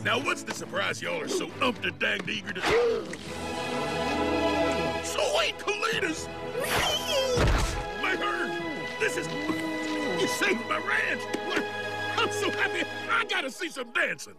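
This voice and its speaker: A man voicing an excitable, folksy old rancher uncle with a gravelly twang. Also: extremely high pitch, moderate pace, full character voice. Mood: overjoyed. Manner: exclamatory, folksy sayings. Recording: loud background music.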